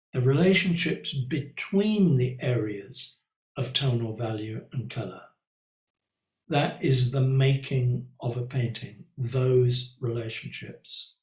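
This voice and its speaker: A man's voice: medium pitch, a little mellow, echoey room, rough recording. A male art teacher leading a live online painting class, talking in a reflective, conversational way with many ums and little asides. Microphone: computer mic on a video call.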